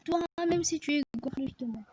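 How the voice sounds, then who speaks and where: High-voiced excitable woman gamer. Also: fairly quick, slight background noise, low-quality recording. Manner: excitable, yells at the game, many restarts. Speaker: gamer narrating her play. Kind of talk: casual gameplay commentary. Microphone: phone screen recorder mic.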